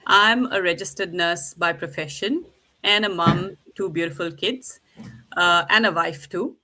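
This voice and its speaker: A woman's voice: fairly low pitch, unhurried, sharp tone. A woman from India hosting a live online panel, upbeat and eager, introducing her guests over a video call. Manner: upbeat, keeps calling things lovely. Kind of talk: live-streamed group discussion.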